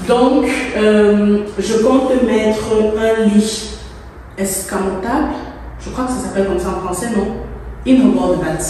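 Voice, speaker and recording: In a very echoey, freshly plastered empty room, a Cameroonian vlogger, a native English speaker, chats informally while working, speaking slowly at a medium pitch in a mellow tone. She thinks aloud and drops in English words, heard from a distant mic with faint noise.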